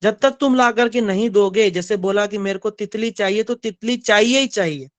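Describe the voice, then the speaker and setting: A man telling devotional stories in a sermon, animated, turning to ask his listeners. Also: sits high, moderate pace, no echo. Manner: animated storytelling, asks the audience. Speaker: spiritual storyteller.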